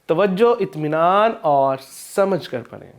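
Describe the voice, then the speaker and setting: Slightly high-voiced male Islamic studies teacher. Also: lively intonation, clean tone. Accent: Pakistani Urdu. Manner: explains rules slowly, then chants verses in a drawn-out recitation. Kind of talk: recorded video lesson with Quran recitation.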